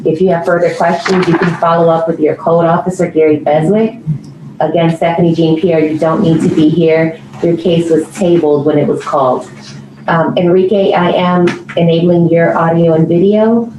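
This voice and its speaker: Lowish-voiced woman moderating, echoey and noisy. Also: steady tone, normal speed. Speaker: online meeting moderator. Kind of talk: polite administrative instructions. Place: online meeting. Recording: echoey call, clear background noise.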